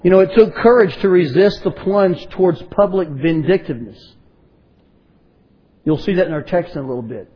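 A man's voice: sits high, moderate pace, husky, highs cut off. A man preaching a sermon to a congregation, asking rhetorical questions and prompting his listeners to respond.

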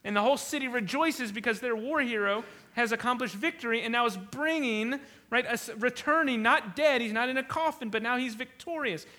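A man's voice: very high-pitched, brisk, pushed and bright. A man preaching an expository sermon, reading scripture and emphatically restating his points. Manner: emphatic, repeats and rephrases points.

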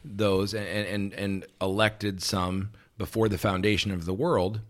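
A man's voice: lowish voice, little pitch movement, measured pace. A man co-hosting a podcast, talking through theology in a casual, wry, chatty way. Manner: wry, talkative, quotes scripture figures in character. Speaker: podcast co-host, Reformed theology.

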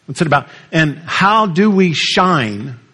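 A man preaches to his congregation, his voice sitting a little high. He keeps it conversational, putting questions to the listeners as he goes. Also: expressive, takes it slowly, pushed and bright, slightly rough. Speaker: pastor. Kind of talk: sermon.

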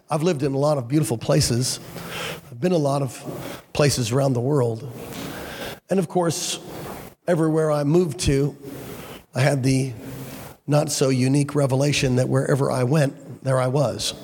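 A man preaching as a pastor with a gravelly voice, hoarse from a cold, in a deliberate, emphatic sermon delivery. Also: mid-range voice, a little mellow, a little hiss or hum. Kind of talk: sermon with scripture reading and prayer. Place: large church hall. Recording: reverberant large-hall sound.

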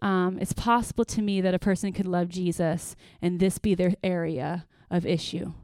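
A middle-aged woman pastor giving an earnest, lively workshop talk to parents, with praise asides and acted-out stories. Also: lowish voice, moderate pace, dry recording. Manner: lively storytelling, acts out quotes with bursts.

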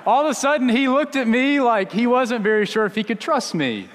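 A man preaching in a church sanctuary, his voice notably high for a man. He tells his story in a loose, conversational sermon style, often restarting sentences. The room gives his voice a long, echoing reverb. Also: expressive, a little fast, a bit bright. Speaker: pastor.

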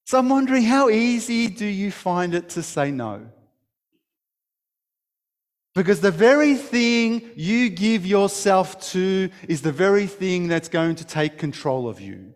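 A man's voice: sits high, animated, unhurried, in a large hall. A man preaching a sermon, telling a story with emphasis and many restarts. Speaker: pastor.

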